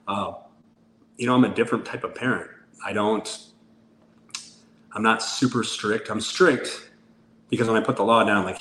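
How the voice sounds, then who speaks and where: A man's voice: on the low side, a bit bright. A man in his forties, a podcast guest talking candidly in a casual interview and acting out the lines of a story he tells. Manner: candid storyteller who acts out dialogue. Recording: roomy sound with faint background noise.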